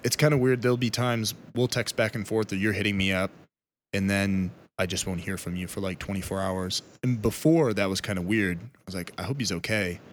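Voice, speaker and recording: A man's voice: lowish voice, fairly even intonation, fairly quick, a little hiss or hum. A man chatting casually as a podcast co-host, teasing and self-deprecating.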